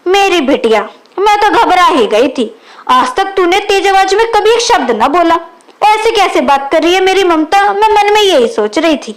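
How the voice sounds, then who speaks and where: A woman's voice: very high-pitched, animated, moderate pace. A woman reading the lines of a wise, loving older mother who is firm with her daughter, in a storybook reading.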